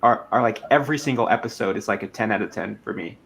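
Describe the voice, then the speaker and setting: A man's voice: lowish voice, fast talker, gravelly, a bit bright, slight background noise. A man in casual group chat, rambling with frequent restarts. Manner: rambling, hesitant, many restarts.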